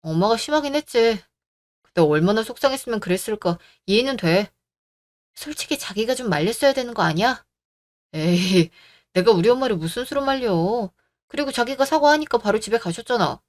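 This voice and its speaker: A young husband in a radio drama, as a voice actor plays him, caught between his wife and his mother. He speaks softly and tries to calm both sides. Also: high-pitched, fairly quick. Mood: placating. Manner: soft, placating.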